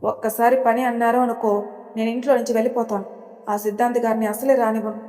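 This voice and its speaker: A woman voicing a gruff, defiant young husband. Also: fairly high pitch, little pitch movement, quick pace, warm tone, natural voice. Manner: curt, defiant. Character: rough-tempered young man, a reluctant new husband. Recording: long hall reverb.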